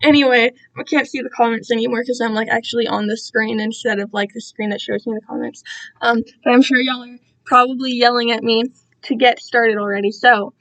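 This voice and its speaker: A young adult woman sits alone in her room, casually rambling to livestream viewers with slang, digressions, and self-deprecating asides. Her slightly high, slightly bright voice stays steady and moves a little fast, captured on a low-quality recording.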